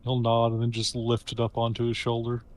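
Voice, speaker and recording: A man talks casually as a player at a tabletop role-playing game. His voice has an ordinary middle pitch and an informal delivery. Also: monotone, fairly quick, darkish tone, no room sound.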